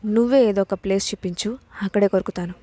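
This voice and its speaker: A woman voicing a quick-tempered, childlike young bride in a storybook reading. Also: medium pitch, warm tone, no room sound, natural voice. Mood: fiery, petulant.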